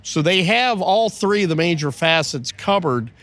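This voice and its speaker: A man's voice: sits high, expressive, moderate pace, fairly bright tone. A man hosting a motorsport show, asking long, detailed setup questions in an interview. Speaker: show host.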